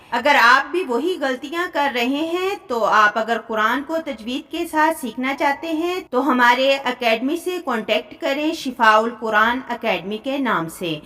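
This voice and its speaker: Bright high-voiced woman teaching recitation. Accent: Pakistani Urdu. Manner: explanatory, slows into drawn-out recited examples. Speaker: Quran tajweed teacher. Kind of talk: recorded lesson explaining recitation errors.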